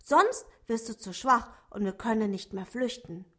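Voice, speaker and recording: A woman voicing a tiny, kind and helpful male dwarf in a children's story, calling out brightly and encouraging. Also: fairly high pitch, animated, unhurried, full character voice. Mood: eager.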